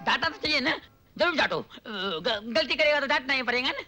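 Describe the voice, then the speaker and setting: An actor playing a brash, cheeky comic man who speaks in quick comic banter, in a 1990s film comedy. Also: very high voice, lively intonation, over music.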